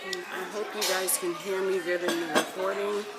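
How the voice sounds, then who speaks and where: A woman's voice: medium pitch, fairly even intonation, moderate pace. A woman vlogger chats casually to her viewers while eating, chewing between phrases. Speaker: vlogger hosting a mukbang. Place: busy hotel breakfast dining area. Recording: noisy room with clattering dishes and cutlery.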